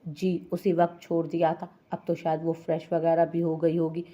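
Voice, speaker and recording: A woman reading the part of a sensitive, pouty young woman who sulks and takes offense quickly. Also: sits low, completely flat delivery, warm tone, highs cut off, close to an everyday voice. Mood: caring. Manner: sulky, quick to take offense.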